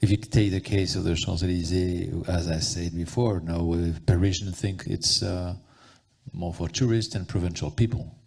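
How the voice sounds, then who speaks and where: A man speaking as a panelist at a public event, giving a thoughtful answer and often pausing to search for words. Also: low-pitched, steady tone, gravelly, a little mellow, husky.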